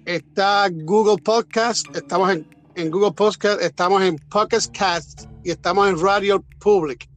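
A man hosting a casual podcast, halting and repeating words. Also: sits high, steady tone, soft background music. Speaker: podcast host.

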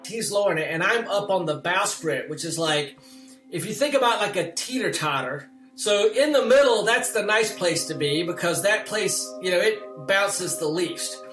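A man casually recounting an ordeal at sea in an interview, animated and full of fillers. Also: high voice, normal speed. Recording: roomy sound with music underneath.

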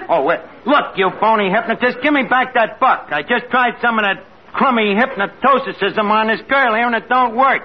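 A man's voice: very high voice, moderate pace, highs cut off. An actor playing a gullible, grumbling working-class wise guy with slangy, ungrammatical speech in an old radio comedy. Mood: indignant. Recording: very noisy vintage radio recording.

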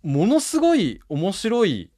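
Animated man explaining with lively pitch. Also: unhurried. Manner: animated, explanatory, laughs often. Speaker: presenter. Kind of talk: casual podcast talk.

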